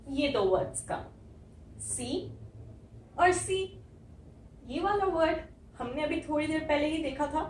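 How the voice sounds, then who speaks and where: A woman English teacher giving a classroom lesson, speaking slowly, repeating words and asking the class questions. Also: sits high, reverberant, recorded from a distance, slight background noise, low-quality recording.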